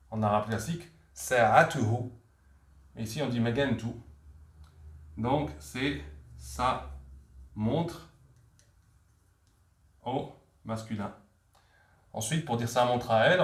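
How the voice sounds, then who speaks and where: A man teaching a vocabulary lesson, repeating each word several times so learners can follow. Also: mid-range voice. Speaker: language teacher. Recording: echoey room.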